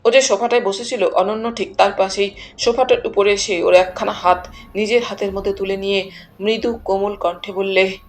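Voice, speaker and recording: A woman narrating a detective audiobook in a measured storytelling manner. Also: medium pitch, steady tone. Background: faint background music.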